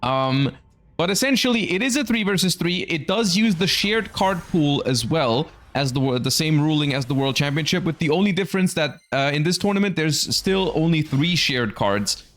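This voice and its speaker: A man's voice: a little high, animated, normal speed, hardly any pauses, fairly bright tone. Man commentating a card game tournament. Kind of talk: live esports card game commentary with chat asides.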